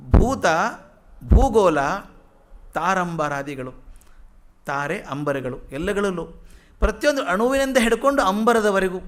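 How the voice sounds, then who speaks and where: A man with a fairly high voice lectures in a hall. He recites verses slowly, then unpacks them in plain conversational talk, posing questions to his listeners and answering them himself. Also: fairly bright tone. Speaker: lecturer on philosophy. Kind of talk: public lecture explaining verses.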